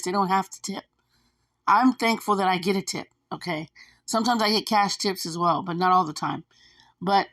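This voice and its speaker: A woman's voice: mid-range voice, a bit bright. A woman who drives for food delivery, talking casually to viewers, chatty and repetitive, with lots of fillers. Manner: chatty, repeats herself, frequent fillers. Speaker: gig delivery driver vlogger. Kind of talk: casual advice vlog to viewers.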